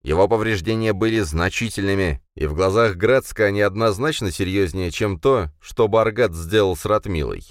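A venomous, hissing young man, as a male narrator puts him on, pitched well above the reader's deep voice. He snaps heatedly and sarcastically, in a dry, close audiobook recording. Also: no room sound, natural voice. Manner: heated, sarcastic, quick to snap.

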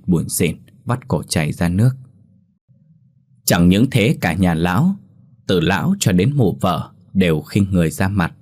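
A man narrating a ghost story in a steady, expressive storytelling manner. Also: sits low.

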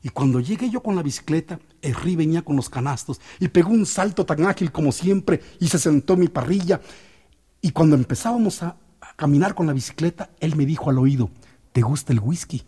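A man telling a story aloud on a radio program, with expressive, dramatic shifts in pitch and volume. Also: brisk, slightly rough. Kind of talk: oral storytelling.

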